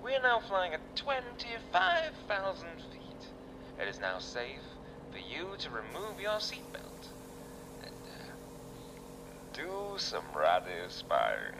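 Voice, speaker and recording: Brief: man doing a slow, swooping airline captain on the cockpit intercom, noisy distant audio. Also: high-pitched, wildly swooping pitch, gravelly, pitched above the performer's own voice, full character voice. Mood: announcing. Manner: slow drawling announcement, drops to a whisper. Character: pilot captain announcing from the cockpit. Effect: cockpit intercom announcement.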